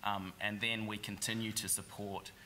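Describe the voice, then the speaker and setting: A man's voice: fairly low pitch, level tone, moderate pace, bright, forceful tone, a little hiss or hum. A man with a New Zealand accent, an app entrepreneur on a conference panel, talking in an upbeat, joking way.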